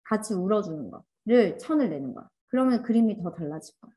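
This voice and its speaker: A woman leading an online workshop, speaking in an animated, coaxing way and acting out inner voices as she teaches. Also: medium pitch, quick pace. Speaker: workshop instructor. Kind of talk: online class lecture.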